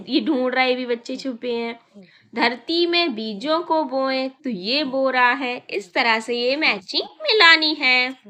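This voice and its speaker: High bright-voiced patient woman teacher. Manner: coaxing, repeats words slowly and asks questions. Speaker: primary school Hindi teacher. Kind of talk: slow, patient lesson for young children.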